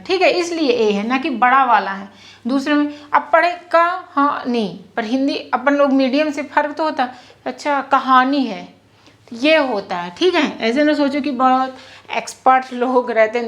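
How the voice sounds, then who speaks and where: A woman teaching English reading in a spoken lesson, slowly sounding out syllables, asking the learner questions and mixing in simple English phrases. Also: sits high. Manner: slow, drawn-out syllable-by-syllable sounding out.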